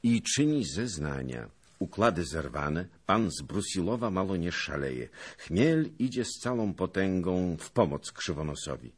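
A man's voice: sits low, sing-song, a little slow, slightly rough, heavily acted. A man voicing a young, almost boyish soldier with a ringing, half-childish voice who brings news. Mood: reporting.

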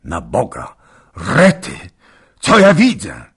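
Terse little knight, read by a man; low, husky storybook voice. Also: lively intonation, slow pace, exaggerated voice. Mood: alarmed shouting. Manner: curt, then shouting alarm. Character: small, brave mustached knight, terse.

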